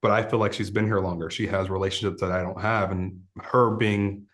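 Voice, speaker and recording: Upbeat male host with a lowish voice, casual interview, affirming and encouraging. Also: steady tone, fairly quick, fairly bright tone.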